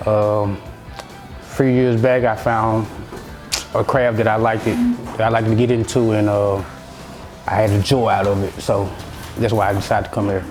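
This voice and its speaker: A man from Memphis gives an enthusiastic testimonial, pausing often with fillers. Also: lowish voice, level tone, darkish tone. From Memphis, Tennessee. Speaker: detailing student. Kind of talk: testimonial interview. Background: faint music.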